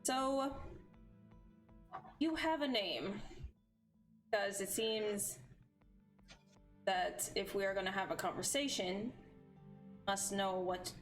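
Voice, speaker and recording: A woman voicing an emotionless non-human character in a tabletop game, with stilted, wooden, monotone acting. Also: mid-range voice, takes it slowly, pauses often, soft background music, natural voice, low-quality recording. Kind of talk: tabletop role-play.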